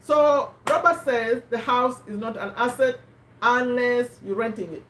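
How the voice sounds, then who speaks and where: A fairly high-voiced woman talks through ideas in a loose, conversational way, restarting sentences and turning to her listeners with questions. The recording has a roomy echo around her voice. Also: a little slow, a bit bright, recorded from a distance. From Uganda. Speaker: host of a live book discussion. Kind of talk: casual explanatory talk. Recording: echoey room.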